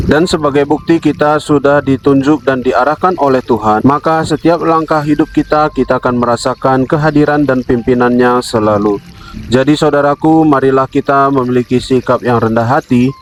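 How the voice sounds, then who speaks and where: A man's voice: medium pitch, a little hiss or hum, rough recording. Solemn man leading a devotional. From Indonesia. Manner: solemn, measured, addresses listeners as brother. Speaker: devotional speaker.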